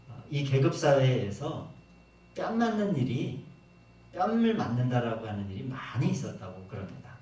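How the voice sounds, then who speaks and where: A middle-aged male pastor preaches in a church, his pitch rising and falling with lively swings as he acts out short quoted lines. He stands some way from the mic, so his voice comes through with heavy room echo. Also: recorded from a distance. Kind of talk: sermon. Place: church sanctuary.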